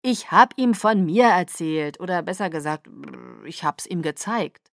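A woman's voice: on the low side, animated, unhurried, no echo, studio quality. A woman voicing a brash, teasing young male shapeshifter in an audiobook. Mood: cocky. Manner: cocky and teasing.

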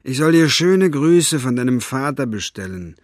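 A man's voice: medium pitch, animated, normal speed, dry recording, clean studio sound, pitched above the performer's own voice, close to an everyday voice. A man doing a prisoner faking cheerfulness. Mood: forced light. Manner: forced cheerfulness with hidden fear. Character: captive adult man forcing a light tone.

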